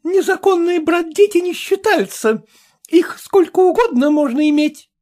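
A woman's voice: very high-pitched, moderate pace, darkish tone, voice pushed up. A woman reading a storybook, voicing a grasping middle-aged woman who haggles shrilly and insistently. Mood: haggling, insistent.

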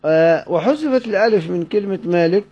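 A fast-talking teacher with a high, lively, slightly mellow voice and an Egyptian Arabic accent explains a text in a recorded lecture. He fires questions at his students, answers them himself, and drives home the key points on a dull lo-fi recording.

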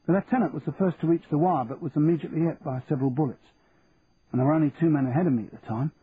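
A man's voice: fairly high pitch, very fast, pitched above the performer's own voice, natural voice. A man voicing an earnest, honest young lance corporal who talks plainly and respectfully. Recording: tinny phone-like, faint hiss.

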